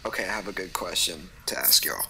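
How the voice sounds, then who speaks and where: A man's voice: sits low, expressive, a little fast, creaky, sharp tone, slight background noise. A young man co-hosting a podcast over a voice call, blunt and dry, teasing the others. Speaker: podcast co-host. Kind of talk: casual chat.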